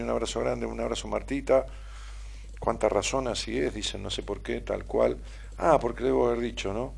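A man's voice: mid-range voice, creaky, darkish tone, husky. A man with an Argentine accent hosting a casual stream, reading listener messages aloud in a playful, teasing way. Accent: Argentine Spanish. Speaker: radio and stream host.

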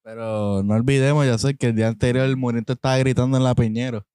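A man's voice: mid-range voice, fairly even intonation, fast, warm tone, clear, resonant tone, no echo, clean studio sound. A man with a Puerto Rican Spanish accent, co-hosting a casual talk show with playful sarcasm. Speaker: podcast co-host. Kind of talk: casual banter.

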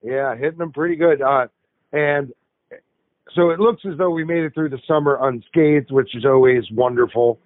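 A fishing shop owner calling in by phone with a weekly fishing report, talking in a laid-back, wry way. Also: male voice, mid-range voice, normal speed, no echo. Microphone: telephone. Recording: tinny phone line.

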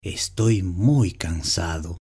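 A man voicing a weary old man in a read-aloud storybook, talking slowly and heavily. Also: sits low, warm tone, husky, pitched below the performer's own voice, heavily acted. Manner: slow, tired, heavy.

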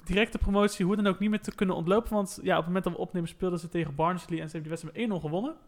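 A man hosts a casual football podcast in a brisk, jokey manner. His voice sits high for a man and he talks fast. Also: steady tone. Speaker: podcast co-host.

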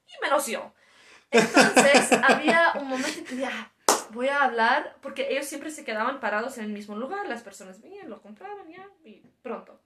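A woman's voice: sits high, lively intonation, normal speed, over a noisy crowd. A woman casually telling a story as a podcast guest, laughing as she talks. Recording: echoey room.

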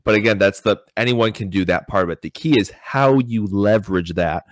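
A man with a low voice hosting an interview, recorded dry and close with no room sound. He is agreeable and keeps affirming and extending his guest's points. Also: brisk, no echo. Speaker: host. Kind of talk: conversational interview.

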